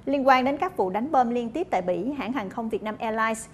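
A woman's voice: on the high side, lively intonation, moderate pace, a little hiss or hum. A young woman presenting the news in a TV studio with a formal, composed delivery. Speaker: news anchor.

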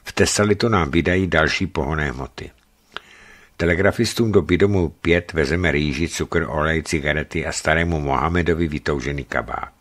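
Deep-voiced man narrating a travel book. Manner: calm, expressive reading. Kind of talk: scripted radio book narration.

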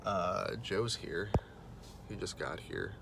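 Sitting in a parked car, a young man talks to his phone camera at arm's length, a cold leaving his nose stuffy. The film director jokes offhandedly about his shoot in a low, gravelly voice, taking it slowly over background noise.

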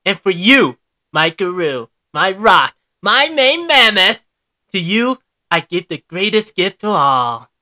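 A woman voicing a goofy, excitable young male mammoth in a cartoon, laughing and talking like a bro. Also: medium pitch, slow, full character voice. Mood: giddy. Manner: giddy, laughing, bro-ish.

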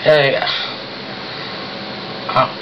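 A vlogger talking with fingers in their mouth while removing dentures, speech muffled and halting. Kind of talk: casual video diary. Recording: dull lo-fi audio with clear background noise.

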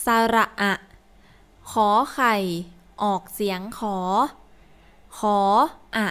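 A woman slowly reading a children's story and then drilling letters and vowels aloud, word by word, as a teacher. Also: a bit bright. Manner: slow, deliberate, word-by-word reading. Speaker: teacher reading a first-grade Thai textbook.

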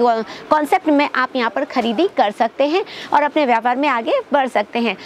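A young woman presents a textile wholesale shop in an upbeat promotional vlog, talking straight to her viewers as friends. She is seated in an indoor shop. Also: slight background noise. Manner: upbeat sales pitch, addresses viewers as friends. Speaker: presenter of a wholesale saree showroom video. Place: indoor textile shop with stacked saree shelves.

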